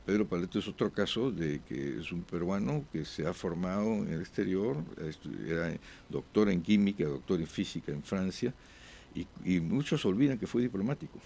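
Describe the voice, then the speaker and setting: A man speaking as a diplomat guest in an interview, with halting answers full of "eh" pauses and restarts. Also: low-pitched, lively intonation, gravelly, mellow, slight background noise. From born abroad.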